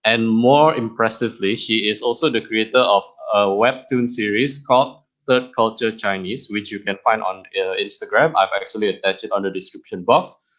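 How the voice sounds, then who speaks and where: A man hosting and interviewing a guest on his own podcast, chatty and quick to laugh. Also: fairly low pitch, a bit bright, poor audio. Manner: friendly, chatty, laughs easily. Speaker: podcast host and creator. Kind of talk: casual interview chat.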